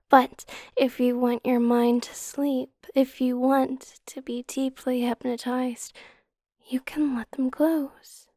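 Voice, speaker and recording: Woman, slow hypnotist voice, high and soft, breathy whispering, very even intonation, ASMR induction. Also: no room sound, clean studio sound. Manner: slow, soothing hypnotist delivery. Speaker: hypnotist guide.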